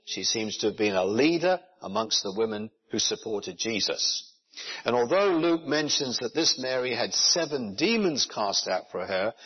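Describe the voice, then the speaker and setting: A man's voice: medium pitch, husky. A man giving an earnest sermon as pastor, explaining scripture and asking rhetorical questions. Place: church in Japan. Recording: dull lo-fi recording.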